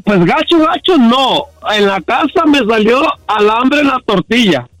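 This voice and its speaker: A man with a very high voice calls in to a radio show, dry and close in sound. He rambles unsurely through his story. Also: lively intonation, a little slow, fairly bright tone, no echo, soft background music, rough recording. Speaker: caller. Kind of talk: phone-in storytelling.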